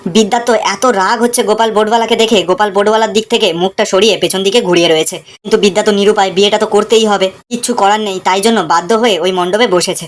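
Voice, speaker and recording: A woman narrating a fast, dramatic recap of a TV serial episode. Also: mid-range voice.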